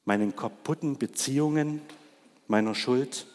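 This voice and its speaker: A man's voice: mid-range voice, a little slow, darkish tone. A man in his thirties preaching a Christmas sermon, asking the congregation questions. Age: 30s. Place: large church. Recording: long church reverb.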